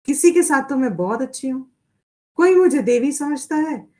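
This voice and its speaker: A woman's voice: high-pitched, lively intonation, moderate pace, a little mellow. A woman giving a spiritual lecture on Vedanta, explaining in Hindi mixed with English phrases and acting out quoted voices. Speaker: Vedanta teacher.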